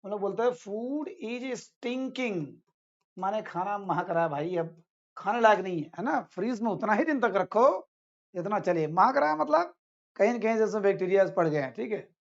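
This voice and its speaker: A man's voice: high-pitched, animated, fairly quick, vocal fry, dull audio. A man teaching English vocabulary in a casual lesson, repeating each word and its meaning and addressing his students as friends.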